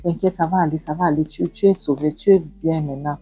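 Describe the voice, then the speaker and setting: A woman voicing a caring young woman who gently calms a frightened patient. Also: deep voice, fast, husky, no room sound, soft background music. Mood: soothing. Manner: gentle, soothing.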